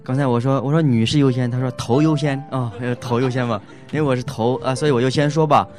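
A man at a middle pitch tells his own marriage story in a loose, halting way, full of fillers and restarts. He laughs often along the way. Faint music plays softly behind him. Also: steady tone. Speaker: husband giving a couple's testimony. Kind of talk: casual spoken testimony.

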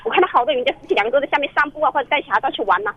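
This caller to a radio counseling program speaks very fast in a high, expressive, fairly bright voice, recounting her story earnestly with lots of rambling and restarts. She is heard over the phone, and the recording is dry.

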